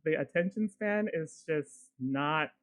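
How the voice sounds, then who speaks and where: A woman co-hosting a podcast, telling a personal story in a casual, animated way and swearing now and then. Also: low voice, slow pace. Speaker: podcast co-host.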